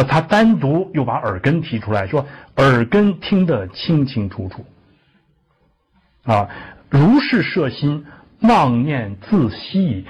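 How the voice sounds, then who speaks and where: A man's voice: medium pitch, darkish tone, husky. A man teaching a Buddhist dharma lecture, explaining patiently with many "ah" fillers and rhetorical questions, on a muffled lo-fi recording.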